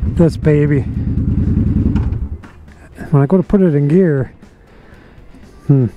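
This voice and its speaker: High-voiced American man behind a helmet face shield. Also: slow, narrow, tinny audio, music in the background. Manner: mildly swearing, self-deprecating. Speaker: motovlogger. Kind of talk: casual chat while riding. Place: outdoors on a motorcycle on night city streets. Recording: engine and traffic noise behind.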